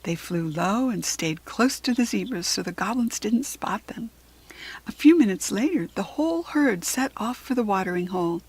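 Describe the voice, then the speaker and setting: An American-accented woman with a breathy, mid-range voice gives an expressive narration of a children's book.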